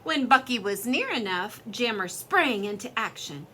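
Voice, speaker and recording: A woman reading a children's story aloud in an expressive, lively storytelling way. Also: a little high, normal speed, slight background noise.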